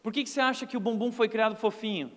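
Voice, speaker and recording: A pastor with a Brazilian accent preaching a sermon in a church, animated and humorous as he tells stories. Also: high voice, rapid-fire, slight background noise. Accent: Brazilian Portuguese. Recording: reverberant church hall.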